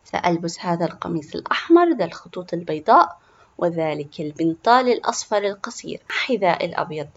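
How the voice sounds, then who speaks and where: A woman's voice: fairly low pitch, quick pace, lo-fi sound. A woman voicing an eager, stubborn five-year-old boy in a storybook. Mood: cheerful. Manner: eager, excitable.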